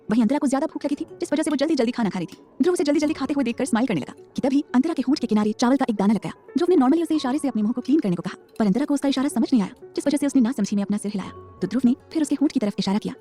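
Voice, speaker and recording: A woman narrating a romance audio story with rapid, dramatic storytelling. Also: high-pitched, warm tone.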